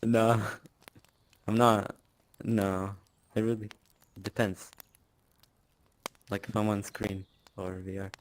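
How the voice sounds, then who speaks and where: Man, interview guest, casual and boastful, lowish pitch, monotone delivery. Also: slow pace, pauses often, slight background noise. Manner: boastful, casual, with filler words and laughs. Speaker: interviewee, clan leader.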